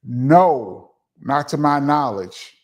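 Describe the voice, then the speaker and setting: A middle-aged Brooklyn man with a New York accent hosts a live chat show, casually answering viewer questions in a laid-back, chatty way, laughing and saying um often. His medium-pitched voice is animated and slow.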